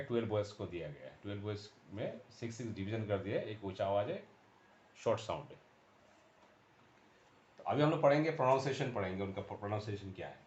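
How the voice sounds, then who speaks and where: A man teaching a shorthand lesson, repeating vowel sounds slowly and pausing to write on a board. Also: lowish voice, darkish tone. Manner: repeats sounds slowly and drills them aloud; pauses often while writing on a board. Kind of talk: classroom explanation. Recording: dull roomy sound.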